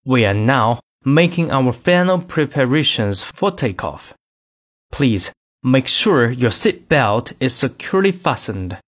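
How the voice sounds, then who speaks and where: A man reading scripted in-flight cabin announcements in a formal, measured announcer manner. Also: medium pitch, big pitch swings.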